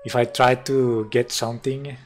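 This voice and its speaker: A man's voice: mid-range voice, level tone, normal speed, slight background noise. A man commenting as he plays a mobile game on a live stream, wry and self-mocking, talking to himself and his chat.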